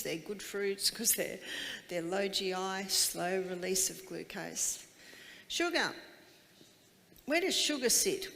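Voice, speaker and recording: A woman's voice: mid-range voice, fairly bright tone, big-room sound. A woman giving a health seminar to a live audience, emphatic and full of rhetorical questions.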